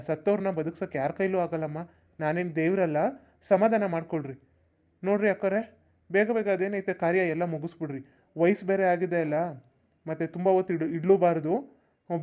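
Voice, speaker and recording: A man's voice: on the high side, darkish tone, dull audio, natural voice. A man voicing a matter-of-fact village doctor, firm and reassuring. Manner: reassuring, firm, repeats "okay?".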